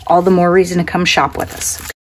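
A woman's voice: fairly low pitch, level tone, fairly quick. Middle-aged woman, craft vlogger, casual enthusiastic haul chat at a tabletop, faint room noise behind. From Oregon, US. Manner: chatty and enthusiastic, exclaiming over items. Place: indoors at a table, hands-only overhead camera.

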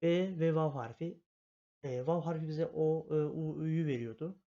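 A man gives a language lesson, patiently spelling out letters step by step and repeating himself often. His voice is fairly high with a dark tone, at a moderate pace. It's a dull, lo-fi home recording.

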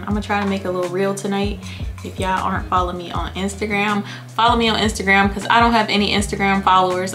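Female vlogger, chatty and joking, phone-camera sound with faint music. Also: medium pitch. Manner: chatty, joking, talks straight to viewers. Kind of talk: casual vlog chat to camera.

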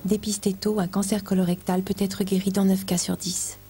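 A woman reading a public-health advertisement voice-over in a calm, reassuring way. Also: mid-range voice, moderate pace, breathy edge.

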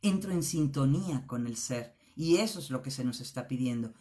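A woman's voice: a bass voice, lively intonation, moderate pace, warm tone. A middle-aged woman giving an earnest spiritual motivational talk, often tagging her phrases with a questioning "¿eh?". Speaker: spiritual speaker.

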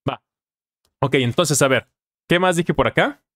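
A young man with a Mexican Spanish accent, his voice sitting a little high for a man, talks through his own video in a loose, reflective way. He often corrects himself mid-sentence and keeps checking in with tag questions. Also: unhurried, a bit bright. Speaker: YouTuber and English teacher.

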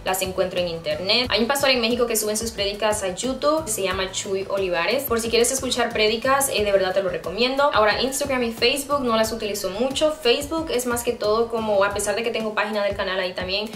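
A woman's voice: mid-range voice, fast talker, hardly any pauses, a bit bright, echoey room. A woman in her twenties from Honduras with a Honduran Spanish accent, chatting casually and playfully to camera as a YouTuber. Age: 20s. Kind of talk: casual vlog chat to camera. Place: small indoor room by a plain grey wall.

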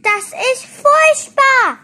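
A woman voicing a cheeky little male ink monster in a storybook reading, squealing high and loud when upset. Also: fairly even intonation, slow pace, breathy edge. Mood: panicked. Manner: shrieking, squealing in distress.

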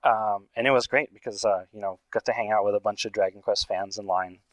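A man's voice: lowish voice, steady tone, fairly quick, no echo, low-quality recording. A man on a casual podcast, telling a story in a rambling way with many fillers and restarts. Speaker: podcast co-host.

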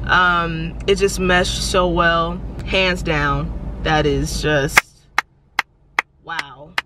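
A woman's voice: lowish voice, very noisy. A young woman reacting to and reviewing songs from inside a parked car, gushing and exclaiming, filmed by a dashboard camera. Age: young adult. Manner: excitable, exclamatory, drawn-out gushing. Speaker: music reaction vlogger. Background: music playing.

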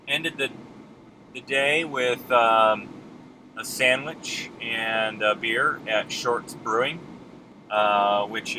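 A man in his thirties talking casually to a dashboard camera while driving, relaxed and rambling with many ums. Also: fairly low pitch. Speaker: mountain bike vlogger. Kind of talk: casual vlog talk to camera. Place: inside a car while driving. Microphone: camera mounted on dashboard. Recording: car cabin with road and air-conditioning noise. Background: car and engine noise.

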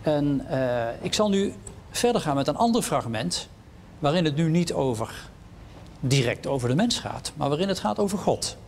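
A man's voice: fairly high pitch, sing-song, moderate pace, a little hiss or hum. A man giving a philosophy lecture, reflective and questioning, stressing key words emphatically. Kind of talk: lecture with read-aloud passages.

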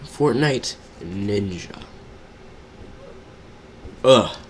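A man's voice: lowish voice, animated, drawn-out words, slight background noise. A man casually chatting to his viewers while live-streaming a video game, reacting to the action as he plays.

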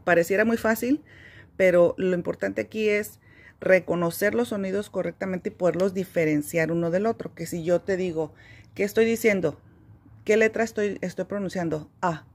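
A woman explaining how a children's reading curriculum works, in a relaxed, conversational teaching manner with frequent fillers. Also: on the low side, gravelly. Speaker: homeschooling teacher.

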